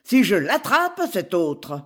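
Brief: a woman playing an aggrieved cabman, blunt and complaining, lively delivery. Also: medium pitch, slow pace, heavily acted. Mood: grumbling. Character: grumbling male cab driver, aggrieved. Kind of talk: audiobook character reading.

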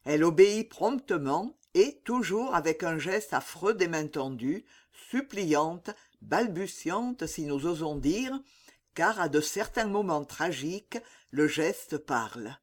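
A narrator reading a historical novel in a measured, dramatic way. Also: mid-range voice, lively intonation. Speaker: audiobook narrator.

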